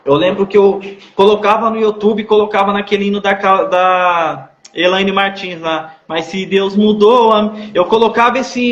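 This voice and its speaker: A man's voice: sits high, roomy sound, lo-fi sound. A man telling an emotional personal testimony as an interview guest, speaking earnestly and repeating himself. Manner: repetitive, earnest storytelling with church slang. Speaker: guest sharing his testimony.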